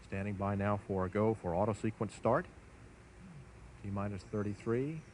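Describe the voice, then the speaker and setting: A man giving measured, formal live commentary as a launch commentator. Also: lowish voice, darkish tone. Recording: faint background noise.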